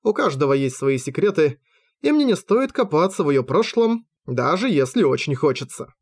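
A man narrating an amateur audiobook in the first person, with an expressive, wry, self-mocking delivery. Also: on the high side, moderate pace, slightly rough.

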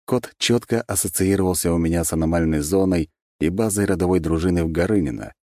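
A man narrating a fantasy audiobook in an even, measured storytelling manner. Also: sits low, no room sound, clean studio sound. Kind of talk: scripted narration.

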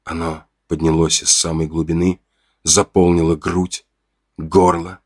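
A man's voice: low-pitched, flat delivery, a little slow, a little mellow, no echo, studio quality. A man giving a tense, dramatic first-person audiobook narration.

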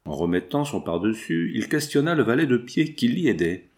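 A man narrating a classic novel as an audiobook in a measured, expressive reading. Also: mid-range voice.

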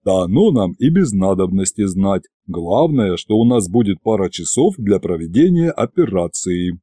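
A man voicing a cautious male adviser who speaks politely and formally in a low, hushed way. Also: big pitch swings, normal speed, slightly rough, no room sound, studio quality, full character voice. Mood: measured.

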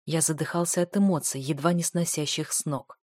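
Woman narrator, dramatic first-person audiobook, lowish voice, dry close sound. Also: steady tone, fairly quick, no room sound. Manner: dramatic, intense reading. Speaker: audiobook reader.

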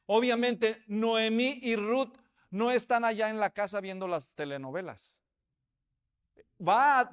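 A pastor preaching a sermon, telling the story with animation and acting out the voices of townspeople. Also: male voice, high-pitched.

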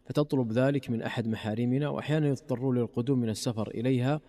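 A male radio host speaks formal Standard Arabic at a brisk pace. His voice is mellow and mid-pitched, with a courteous delivery. The sound carries a long reverberant tail. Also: fairly even intonation. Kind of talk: formal Standard Arabic presenting, reading listener questions.

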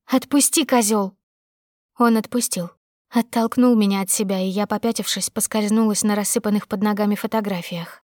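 A woman's voice: medium pitch, steady tone, a little fast, darkish tone, no room sound, clean studio sound. A woman narrating a dramatic first-person audiobook with tense, emotional storytelling.

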